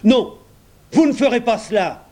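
A man's voice: very high voice, expressive, unhurried, warm tone, pitched above the performer's own voice. A man voicing a hot-tempered police officer who bellows and thunders his accusations in a storybook reading. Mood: furious.

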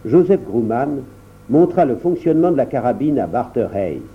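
A man narrating an audiobook with expressive storytelling. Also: medium pitch, normal speed. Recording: dull lo-fi recording.

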